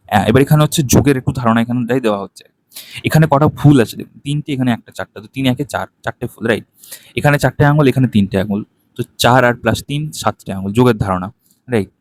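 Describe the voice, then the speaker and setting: A man, walking through a textbook page in a lesson, ending nearly every point with a quick tag question and counting items aloud. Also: mid-range voice. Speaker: teacher.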